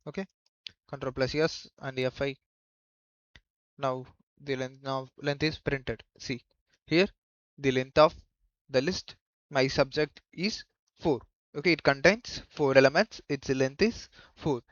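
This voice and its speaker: A man giving a coding tutorial in a halting way, thinking aloud as he goes. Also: medium pitch, steady tone, fairly bright tone, no echo. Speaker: programming tutor. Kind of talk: screen-recorded coding tutorial. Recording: dull lo-fi microphone.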